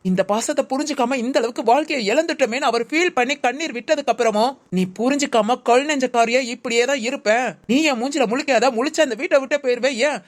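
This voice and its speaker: Stern woman lecturing a friend, quick and high-pitched, acted by a woman. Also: close to an everyday voice. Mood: reproachful. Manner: reproachful, lecturing.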